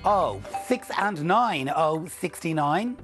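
A middle-aged man hosts a televised numbers game in a fairly high male voice. He delivers scripted links and calls with clear, measured upbeat presentation. Music plays clearly behind him. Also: expressive. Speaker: TV bingo presenter. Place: TV studio. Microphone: lapel mic.

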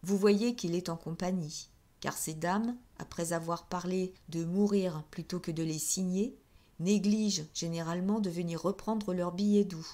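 Woman reading a cold, calm male store manager. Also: lowish voice, lightly acted. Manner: calm, measured, coolly firm.

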